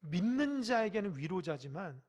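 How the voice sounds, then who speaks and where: A pastor preaching a midweek sermon in a church, emphatic and questioning the congregation directly, swinging from loud exhortation to hushed asides. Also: medium pitch, big pitch swings, moderate pace, dull audio. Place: church sanctuary.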